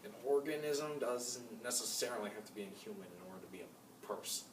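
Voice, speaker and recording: A young man playing a calm male moral philosopher in a class-project mock debate, reading his lines a bit stiffly with some hesitations. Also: fairly low pitch, a little fast, natural voice. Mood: plain. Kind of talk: amateur class-project role-play. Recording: echoey room, mic far off, noisy.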